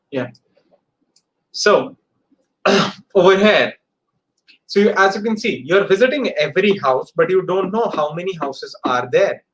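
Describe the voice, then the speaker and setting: With poor audio, a slightly high-voiced man with an Indian accent runs a casual live coding class. He keeps repeating phrases and tosses in brief tags to confirm students understand.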